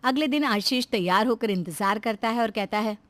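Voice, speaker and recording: A woman narrating a cartoon moral story in a scripted, expressive storytelling manner. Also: on the high side, normal speed, dry recording.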